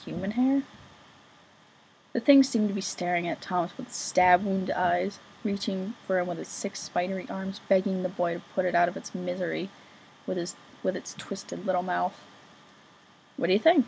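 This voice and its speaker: Gravelly woman reading a novel aloud. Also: lowish voice, fairly even intonation, moderate pace, a little mellow, a little hiss or hum, low-quality recording. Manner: casual, swears and jokes at her own slips. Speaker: amateur audiobook reader.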